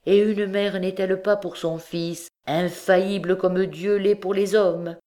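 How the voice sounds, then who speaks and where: Woman reading as young man, devoted son, vehement, raised voice, quick-tempered, audiobook. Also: medium pitch, steady tone, warm tone, close to an everyday voice. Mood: pleading. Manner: pleading then vehement, raised voice.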